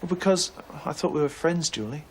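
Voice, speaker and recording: Male actor, young visitor, coaxing and earnest, lively intonation. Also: fairly high pitch, brisk, a little hiss or hum, close to an everyday voice. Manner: soothing and persuasive. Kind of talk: 1980s television drama acting.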